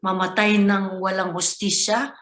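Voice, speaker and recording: A woman's voice: medium pitch, little pitch movement, a little slow, a bit bright. Chatty woman giving a motivational talk. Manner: conversational, often asking listeners to agree. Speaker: motivational speaker. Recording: echoey room.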